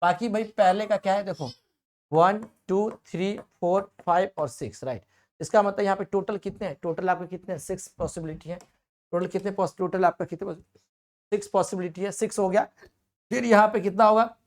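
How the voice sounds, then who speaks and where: A man's voice: high-pitched, brisk. A man teaching a classroom math lecture as a coaching teacher, repeating himself and coaxing the class, often asking questions and answering them himself. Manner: repetitive, coaxing, asks and answers own questions.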